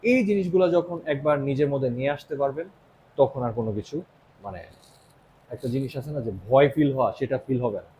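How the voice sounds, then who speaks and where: A man's voice: mid-range voice, quick pace, mellow, a little hiss or hum, low-quality recording. A young man from Bangladesh with a Bangladeshi accent, giving a casual motivational English lesson and often asking "right?". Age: young adult. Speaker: English teacher.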